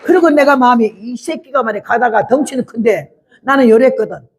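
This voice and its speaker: A woman in her eighties giving a testimony sermon as a missionary preacher, blunt and rough-spoken, acting out scenes with drama. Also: on the high side, fairly quick. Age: 80s. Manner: dramatic, acts out scenes loudly.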